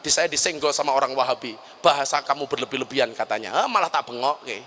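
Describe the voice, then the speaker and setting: A man's voice: mid-range voice, fast, bright, forceful tone. A middle-aged man preaching a humorous sermon, full of joking asides. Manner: joking asides, then chanting and singing verses.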